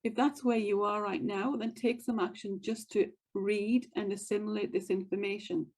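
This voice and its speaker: A woman's voice: medium pitch, steady tone, normal speed, darkish tone, husky, low-quality recording. A woman hosting a motivational wealth podcast, speaking in an earnest, encouraging way and repeating her key phrases. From United States. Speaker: podcast host and wealth coach. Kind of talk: motivational monologue.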